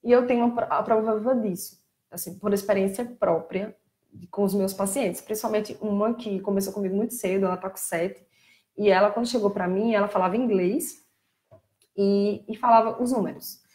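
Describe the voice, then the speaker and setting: Brazilian woman, speech therapist, casual live-stream talk, explanatory, animated mimicking. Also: medium pitch, brisk. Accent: Brazilian Portuguese. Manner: explanatory, animated when imitating children.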